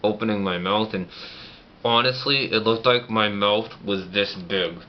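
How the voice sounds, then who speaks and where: A man's voice: on the low side, a little slow. A man chatting casually in a personal vlog, talking through teeth held together by a banded-shut jaw. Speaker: vlogger. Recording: muffled lo-fi audio, clear background noise.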